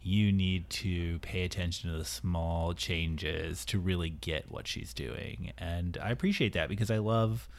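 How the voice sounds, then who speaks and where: Man, very deep voice, casual podcast host, rambling and keen, lots of ums. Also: measured pace, hardly any pauses. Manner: enthusiastic, rambling with many fillers. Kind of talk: casual music podcast chat.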